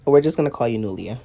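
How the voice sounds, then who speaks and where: A watercolor painting instructor with an extremely low, dark voice gives a casual live tutorial despite a stuffy, sniffly nose. She's chatty, laughs often, and greets her viewers as she paints.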